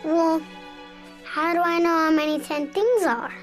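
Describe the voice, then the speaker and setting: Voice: very high voice, measured pace. A performer playing an eager, curious little boy kangaroo joey in a children's cartoon, full of childlike questioning. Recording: music under the voice.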